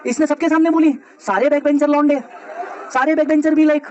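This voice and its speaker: A male teacher telling a personal story to his students in a lively, slangy way with frequent laughs. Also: very high voice, a little fast, highs cut off. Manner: animated, slangy, laughs often.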